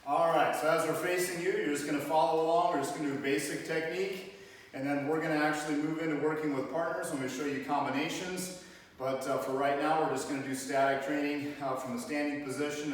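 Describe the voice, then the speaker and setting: A man leading a karate class as instructor, giving directive, step-by-step spoken exercise commands. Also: on the high side. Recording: very echoey hall, distant mic, faint noise.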